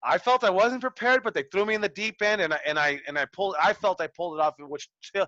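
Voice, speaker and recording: A middle-aged man, a pro wrestling trainer, telling ring stories in an animated, swearing way as a lesson. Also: sits high, quick pace, dry recording. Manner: animated, swearing, acts out quotes. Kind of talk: casual storytelling lesson. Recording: dull lo-fi sound.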